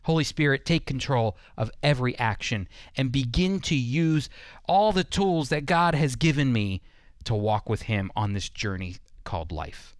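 With a mid-range, clean-toned voice, this man teaches straight to the listener as a Bible teacher on his radio program. His evangelical sermon leans on emphatic repetition and rhetorical questions, and the recording is dry with clean studio sound.

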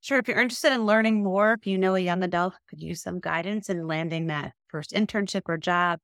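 American woman career coach chatting on a podcast, lowish voice, dry close sound. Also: brisk, fairly bright tone, no echo. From United States. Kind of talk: conversational interview talk.

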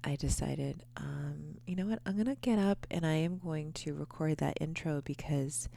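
A woman in her thirties hosting a podcast, talking quietly and half-whispering in a groggy early-morning voice at home, with many ums. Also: deep voice, moderate pace, vocal fry. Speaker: podcast host. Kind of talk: casual podcast monologue. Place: quiet home before dawn.

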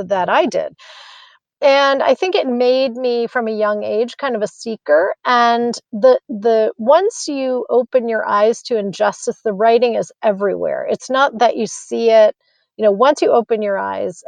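An American physician in her fifties answers interview questions as a guest, earnest and reflective, with many fillers and restarts. Her mid-range voice is a little mellow, and there's no room sound.

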